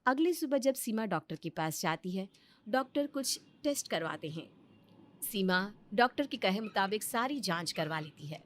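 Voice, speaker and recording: A woman narrating a children's story in an expressive, sing-song way. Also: mid-range voice, moderate pace.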